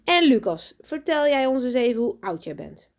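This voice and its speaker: A woman voicing a strict, pompous headmistress in a children's storybook reading, loud, high and commanding. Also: very animated, normal speed, gravelly. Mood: bossy. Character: strict pompous female headmistress, bossy and boastful.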